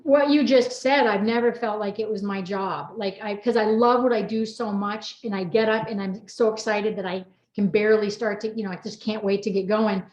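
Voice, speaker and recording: In a slightly dull recording from an echoey room, a middle-aged American host and book co-author talks casually and at length, telling stories with quoted asides. Her darkish voice is medium in pitch with fairly even intonation, moving at normal speed with few pauses.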